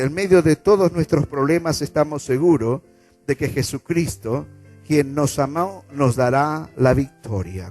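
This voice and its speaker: Argentine pastor, man, call-and-response sermon, fairly high voice, soft music behind. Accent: Argentine Spanish. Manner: call-and-response preaching, repeating phrases for the congregation. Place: church auditorium.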